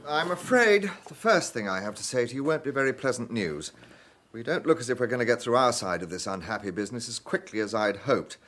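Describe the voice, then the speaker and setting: An actor playing a polite, weary British gentleman police inspector in a radio drama, measured and quietly probing. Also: mid-range voice, expressive, natural voice. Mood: courteous, probing.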